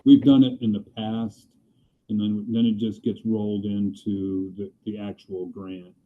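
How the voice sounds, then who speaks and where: A man's voice: fairly low pitch, level tone, measured pace. Muffled man on a tinny remote call. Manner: plain, matter-of-fact explaining with hesitations. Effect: muffled, underwater-sounding remote call audio. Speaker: airport staff reporting to a county commission. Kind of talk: meeting business talk. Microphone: computer on a remote call.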